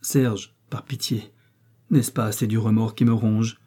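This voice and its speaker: A man's voice: on the low side, level tone, unhurried, dark tone, husky. A man reading an audiobook, voicing a frightened, guilt-ridden noblewoman who pleads and murmurs hesitantly. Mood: pleading, fearful.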